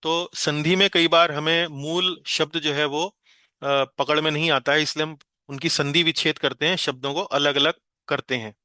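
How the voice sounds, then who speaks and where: A man with a fairly high, bright voice teaches an online verse class. He explains patiently, pausing often, and draws out the Sanskrit words when he chants them. The sound is dry and close. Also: fairly even intonation, clear, resonant tone, dry recording. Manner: slow, patient explaining with many hesitation sounds.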